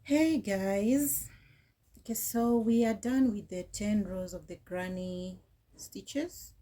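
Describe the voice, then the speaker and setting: A woman giving a relaxed crochet tutorial, talking slowly with frequent hesitations as she counts rows. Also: medium pitch. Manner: slow, hesitant, with many fillers, counting rows aloud. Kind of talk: casual tutorial instruction.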